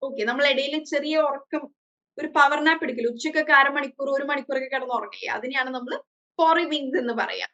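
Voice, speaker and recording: A woman's voice: high-pitched, fairly quick, sharp tone, muffled recording. A woman with a Malayali accent teaching an English class over a video call, switching between English and Malayalam and praising her students often.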